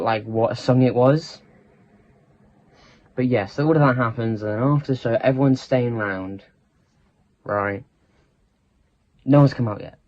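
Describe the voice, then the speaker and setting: A man's voice: mid-range voice, a little mellow. A teenage boy tells a storytime tale in a loose, chatty ramble. He trips over his own sentences and restarts them. The recording sounds slightly dull and lo-fi. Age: teens. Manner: rambling, self-interrupting, chatty. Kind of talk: casual storytime chat.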